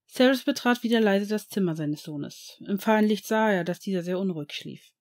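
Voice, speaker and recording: A reader narrating a fan fiction story in an even storytelling manner. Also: mid-range voice, a little fast.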